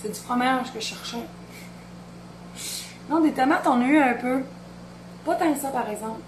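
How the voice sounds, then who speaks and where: A chatty woman in her thirties with a Beauce Quebec French accent rambles as she cooks and talks with family off camera. Her voice sits a bit high. The kitchen sounds echoey, with steady noise behind her. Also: normal speed. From Quebec, Beauce region. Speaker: home cooking vlogger. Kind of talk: casual kitchen chat. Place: home kitchen.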